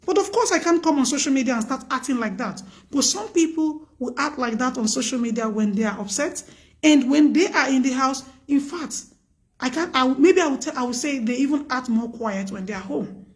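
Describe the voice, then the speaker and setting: Speaking fairly quickly on a live stream, a woman with a loud, high voice dispenses earnest advice with emphasis, repeating herself to drive points home. Her tone is preachy, casual, and lively in intonation.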